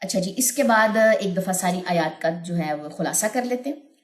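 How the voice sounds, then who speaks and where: A woman teaching Quran recitation rules, explaining patiently and chanting verses slowly and melodically. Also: fairly low pitch, expressive, reverberant. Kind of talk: tajweed lesson with chanted recitation.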